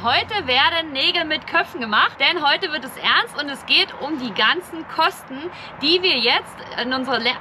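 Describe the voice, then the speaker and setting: Young woman, high voice, casual vlog to camera, outdoor street noise clearly audible behind. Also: sharp tone. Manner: chatty, lists figures step by step. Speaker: vlogger. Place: outdoors on a street, seated in an open van boot. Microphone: camera at a few metres.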